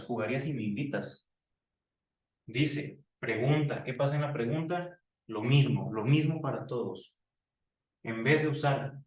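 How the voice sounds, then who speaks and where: A man giving a classroom English grammar lesson, explaining slowly and repeating example sentences. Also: mid-range voice, darkish tone, distant mic. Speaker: English teacher. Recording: roomy echo, voice from off mic.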